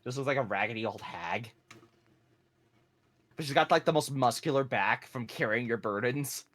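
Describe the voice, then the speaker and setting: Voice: mid-range voice, moderate pace, a bit bright. A friend on a game stream giving advice and cracking jokes in casual chat. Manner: joking, gives game advice.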